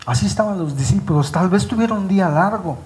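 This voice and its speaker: High-voiced preacher man reading scripture slowly. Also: a little mellow. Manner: slows down and stresses words when reading scripture; speaks directly to the congregation. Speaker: pastor. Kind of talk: live Spanish sermon. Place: church sanctuary with congregation.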